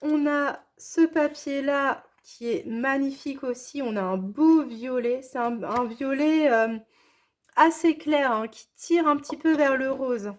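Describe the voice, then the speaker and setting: A woman's voice: sits high, unhurried. A woman chatting casually as she unboxes scrapbooking supplies, gushing and repeating her praise with enthusiasm. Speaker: scrapbooking vlogger.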